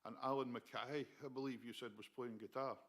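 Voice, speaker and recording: A man's voice: medium pitch, fairly even intonation, a little fast, fairly bright tone. A man with a Shetland Scottish accent, chatting casually to online viewers as host of a music session.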